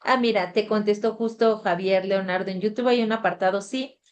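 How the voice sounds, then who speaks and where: A woman's voice: medium pitch, steady tone, normal speed, lo-fi sound. A woman tutor, talking casually to her class over a video call, with frequent fillers. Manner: conversational, reads the chat aloud, filler "este". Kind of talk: online class session.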